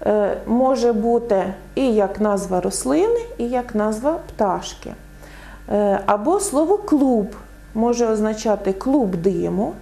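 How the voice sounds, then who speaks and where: A woman explaining word meanings in a clear, didactic lesson, giving many examples. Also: a little high, mellow. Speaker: language teacher.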